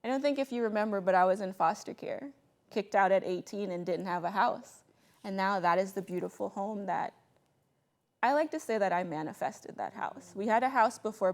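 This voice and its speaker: A young adult woman from the Bahamas, telling a personal story in a lively, chatty way, often laughing and acting out what people said. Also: medium pitch. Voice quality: animated, laughs often, quotes people in voices.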